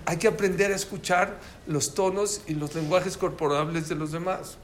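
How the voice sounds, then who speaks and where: A man with a Mexican accent giving a lively talk to an audience, asking them questions as he goes. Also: high-pitched, normal speed. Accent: Mexican Spanish. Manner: animated, asks the audience questions. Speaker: lecturer giving a talk on listening. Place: room with a live audience. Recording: echoey room with faint ambient noise.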